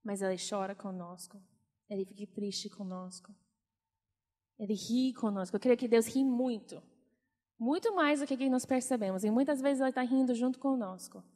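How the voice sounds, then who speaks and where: Woman preacher, earnest and encouraging, slightly high voice, reverberant hall. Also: normal speed, dark tone. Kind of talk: conversational sermon.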